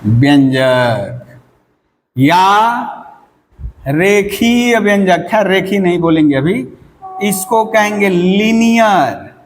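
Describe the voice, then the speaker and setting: A man's voice: sits high, big pitch swings, slow pace, long pauses, long reverb tail, slight background noise, low-quality recording. A man teaching a maths lesson, asking the class questions and answering them himself, stretching out key terms and calling the students "beta". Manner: calls students "beta" warmly.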